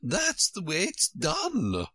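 A man voicing a flustered, bossy old queen from a storybook in a squeaky falsetto, with emphatic, exclamatory delivery. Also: huge pitch swings, slow pace, sharp tone, dry recording, heavily acted. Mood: decisive. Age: older. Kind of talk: storybook character reading.

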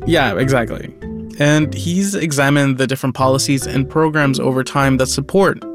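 A man's voice: medium pitch, moderate pace, over music. A man reporting on a news podcast, explaining his findings steadily.

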